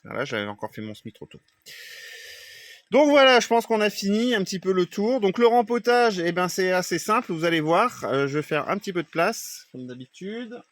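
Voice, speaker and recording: A man's voice: sits high, very animated, brisk, no room sound. Chatty man in a greenhouse, dry sound. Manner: chatty, loose, many fillers and apologies. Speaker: gardening vlogger. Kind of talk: casual gardening tutorial.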